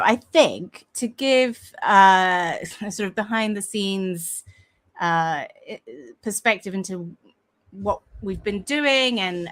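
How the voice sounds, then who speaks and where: A woman with a croaky voice, co-hosting a casual podcast and rambling with many fillers and restarts. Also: medium pitch, a bit bright. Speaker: podcast co-host. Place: home room with a fan running.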